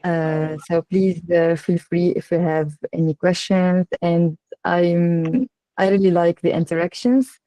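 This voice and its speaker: A woman with a North African, Tunisian accent presents an online workshop in a halting way with frequent filled pauses. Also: lowish voice, fairly even intonation, dark tone, no room sound, low-quality recording. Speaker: workshop speaker, AI engineer. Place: online video call.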